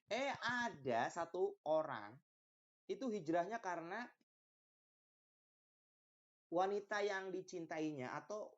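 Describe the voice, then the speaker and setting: A man telling a religious lesson to young children, his voice leaping up high for emphasis. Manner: animated, pitch jumps up for emphasis. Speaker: religious mentor teaching children. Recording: dull lo-fi recording.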